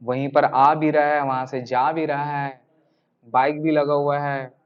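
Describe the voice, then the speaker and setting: A man teaching a classroom tax lesson, telling a lively story and addressing students as sir. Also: fairly high pitch, a little slow, muffled recording. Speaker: tutor. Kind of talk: classroom lecture with anecdote.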